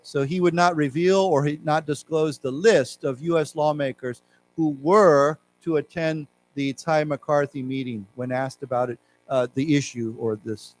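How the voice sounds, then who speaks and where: A man teaching an English class, who reads news passages aloud slowly, then explains the words and spells them out letter by letter. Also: a little high, poor audio. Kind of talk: classroom lecture on news vocabulary. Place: library lecture room.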